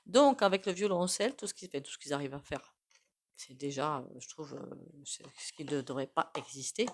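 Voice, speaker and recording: Chatty low-voiced woman tarot reader. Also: brisk. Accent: non-standard French accent. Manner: chatty, many fillers and asides. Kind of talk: casual spoken tarot reading.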